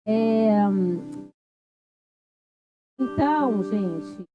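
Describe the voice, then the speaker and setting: A woman giving an informal church sermon, halting with many fillers and restarts. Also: a little high, lively intonation, muffled recording, music in the background. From Brazil. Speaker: church speaker.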